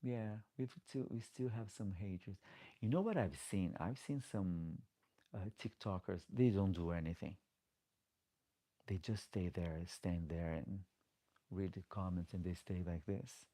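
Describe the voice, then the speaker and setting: In a low, warm voice and an unhurried manner, a man with a Portuguese-speaking accent hosts a casual late-night livestream. Out of drag, the drag queen chats away, reads viewers' comments aloud, and pleads for likes.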